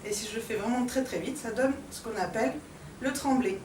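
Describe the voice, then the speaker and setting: A woman dance teacher giving a calm step-by-step lesson, demonstrating moves and marking accents with short sounds like "pam". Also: fairly high pitch, fairly quick, background noise. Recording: echoey room from far off.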